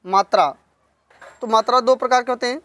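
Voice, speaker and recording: A woman teaching a lesson on poetics, slowly repeating key terms and asking questions that she then answers herself. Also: a little high, fairly bright tone, no echo. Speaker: Hindi literature teacher. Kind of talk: online exam-prep lesson.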